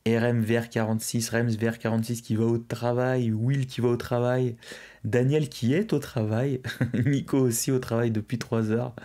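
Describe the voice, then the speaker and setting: Young male streamer, mellow relaxed tone, mid pitch, casual chat, reading out messages. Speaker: livestream host. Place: indoors, at a streaming desk.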